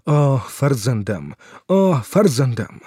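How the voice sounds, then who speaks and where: A terrified countess, as a man narrating puts her on, pleading in a raised, trembling voice. The voice is mellow and warm, and the recording is close and dry. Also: mid-range voice, sing-song, slightly rough, dry recording. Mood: wailing. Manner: pleading, frightened. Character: terrified aristocratic countess, older woman. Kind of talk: audiobook character reading.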